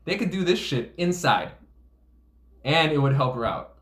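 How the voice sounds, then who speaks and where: A man's voice: a little high, animated, normal speed, a bit bright. Blunt man in a roomy, echoey space. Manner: blunt, profane. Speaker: police officer breaking down a DUI arrest video. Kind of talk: casual explanatory commentary. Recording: roomy echo, faint background noise.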